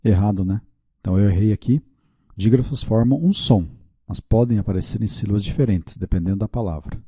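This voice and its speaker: A man's voice: on the low side, brisk, warm tone, slightly rough, no echo, studio quality. A man teaching a video lesson with a Brazilian Portuguese accent, working through quiz questions aloud, checking his answers and admitting his mistakes.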